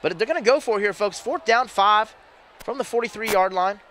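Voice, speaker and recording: Excitable play-by-play man, high-pitched and fast, calling a school game from the booth. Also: very noisy. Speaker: play-by-play announcer. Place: press box above a stadium.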